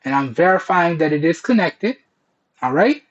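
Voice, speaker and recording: A man with a fairly high voice talks like a casual tech reviewer addressing his viewers. His phrasing is colloquial and he keeps checking in as he explains. The sound is dull and lo-fi, captured on Bluetooth earbud headset microphones. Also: animated, normal speed. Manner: colloquial, repeatedly checks in with "okay" and "all right". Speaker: tech reviewer, video host. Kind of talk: casual product test presentation to camera.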